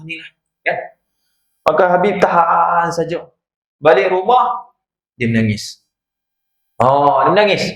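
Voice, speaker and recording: Malaysian preacher in an echoey hall. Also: male voice, on the high side, fairly bright tone. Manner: storytelling, rhetorical asides to listeners. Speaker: religious teacher. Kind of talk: evening mosque lecture. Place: madrasah prayer hall.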